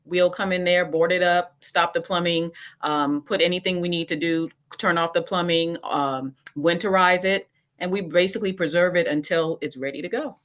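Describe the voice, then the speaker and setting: Relaxed low-voiced woman guest. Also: normal speed. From the Bahamas. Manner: relaxed, matter-of-fact explaining. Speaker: podcast guest. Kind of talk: casual interview.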